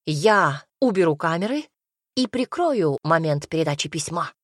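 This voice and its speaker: Brief: pushy, excitable male gnome director, as a woman puts him on, barking commands, dry close sound. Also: deep voice, moderate pace, no echo. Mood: commanding.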